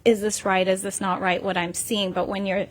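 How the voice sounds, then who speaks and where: A woman's voice: medium pitch, level tone, moderate pace. A woman who once worked in child welfare, speaking as a guest in a casual panel chat and explaining earnestly with many fillers.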